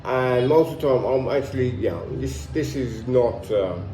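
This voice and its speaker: Medium-pitched and moderately paced, a man in his sixties from London speaks to camera in his vlog, London English accent and all. He rambles, relaxed, with frequent restarts; he's in a warm room at home in Colombia, and the sound is roomy with background noise.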